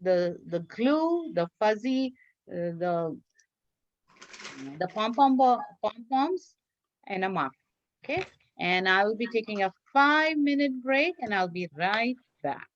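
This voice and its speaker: Speaking slowly and expressively in a mid-range voice, a woman teaches kids a craft, breaking it into simple steps and repeating them supportively. The online class audio sounds dull and lo-fi.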